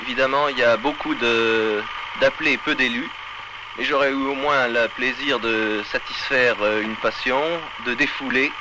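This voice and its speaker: Eager young racing student, hissy film. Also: male voice, mid-range voice, steady tone, moderate pace. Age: 20s. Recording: hissy 1960s film sound.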